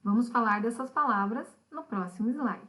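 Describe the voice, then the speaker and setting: A woman's voice: on the high side, moderate pace, a bit bright. A woman, a patient teacher explaining a recorded language lesson to pupils.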